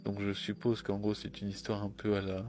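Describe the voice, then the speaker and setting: A man's voice: on the low side, monotone, a little fast, a little mellow. A man giving a casual, informal presentation as a presenter introducing a streamer. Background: background music.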